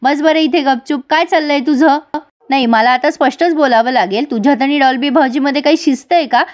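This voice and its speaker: A woman's voice: high-pitched, brisk, lightly acted. A woman voicing a strict young village wife. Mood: scolding. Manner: scolding, firm.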